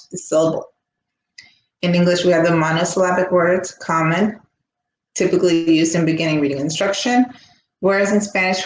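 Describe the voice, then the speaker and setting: A woman with a fairly low voice explains her lesson step by step, often pausing to ask "right?" as she goes. She sounds like she is in an echoey room with a faint hum behind her. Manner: explanatory, frequent "right?" check-ins. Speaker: teacher educator. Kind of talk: recorded lecture.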